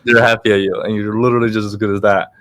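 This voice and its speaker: A man talks quickly in casual conversation, his voice sitting low. He is blunt and swears freely, leaning on filler words. The sound is dry and close to the mic. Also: level tone, fairly bright tone, no echo. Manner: blunt, profane, lots of fillers. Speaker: trading course host. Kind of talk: casual chat.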